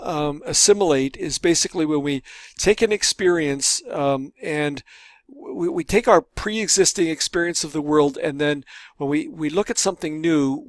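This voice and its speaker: A man's voice: fairly high pitch, no echo, studio quality. A man giving a recorded course lecture, rambling a little, with many fillers and restarts. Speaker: college lecturer.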